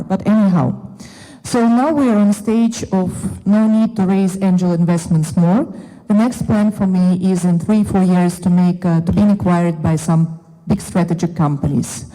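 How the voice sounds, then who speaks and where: A woman with a Russian accent asking a panel a long question from the audience, halting and searching for words. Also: mid-range voice, warm tone. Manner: hesitant, halting non-native phrasing. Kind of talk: question from the floor. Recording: echoey event hall.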